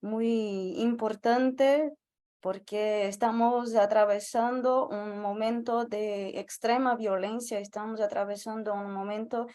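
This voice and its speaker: Woman, Brazilian accent, Portuguese native, slow delivery, careful and halting, panel speaker. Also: on the high side, steady tone, mellow. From northeastern Brazil. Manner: halting, careful, searching for words. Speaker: invited activist speaker. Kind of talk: panel talk in a second language.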